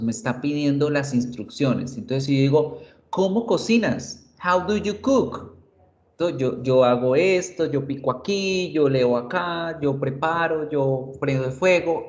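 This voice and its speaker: A man teaching an online English class, explaining slowly and checking in with short questions. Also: mid-range voice, dull audio.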